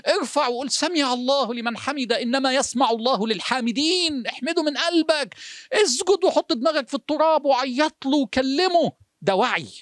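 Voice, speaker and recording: A man with an Egyptian accent giving a motivational sermon, firing rhetorical questions at the listener and dropping to hushed, slow phrases for emphasis. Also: very high-pitched, no echo, studio quality. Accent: Egyptian Arabic. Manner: asks the listener rhetorical questions in quick succession; shifts between urgent speech and hushed, slowed phrases. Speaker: religious speaker.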